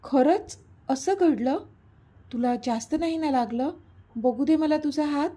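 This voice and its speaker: A woman voicing an excitable, fretful young woman in a read-aloud story, quick and exclaiming. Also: high voice. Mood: tender. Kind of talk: storybook reading.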